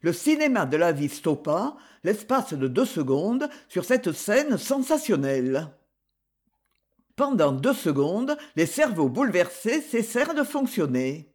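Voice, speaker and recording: Audiobook narrator, expressive, lively intonation, mid pitch. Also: unhurried. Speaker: audiobook reader. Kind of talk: scripted narration of a classic novel.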